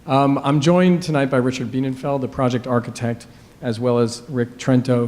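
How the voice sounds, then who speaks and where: A man presenting an application as an attorney at a public hearing, measured and full of "uh" fillers, in a courtroom-style recording. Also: mid-range voice, a little mellow. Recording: long reverb of a hearing room.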